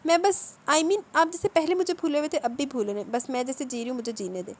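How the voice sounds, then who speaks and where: A woman's voice: high voice, a little mellow, pitched above the performer's own voice. A woman reading the lines of a proud, wounded young heroine who argues back sharply. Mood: defiant hurt.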